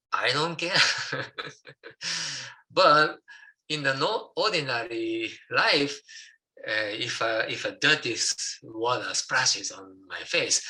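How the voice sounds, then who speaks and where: Man, slow halting delivery, bright tone, dharma talk webinar. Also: mid-range voice, animated, low-quality recording. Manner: halting, with many fillers and restarts. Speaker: co-host of a Buddhist talk.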